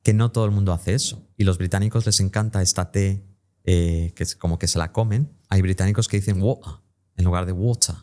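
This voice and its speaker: Guy, lowish voice, teaching english sounds in an interview, acts out the words. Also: fairly even intonation, fast talker, warm tone. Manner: demonstrates English sounds while explaining. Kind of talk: explanatory interview talk.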